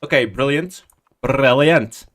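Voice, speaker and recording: Playing a building game on stream, a man in his 20s chats slowly in a medium-pitched, somewhat bright voice. He rambles along in a self-deprecating way, muttering to himself while typing commands into Minecraft.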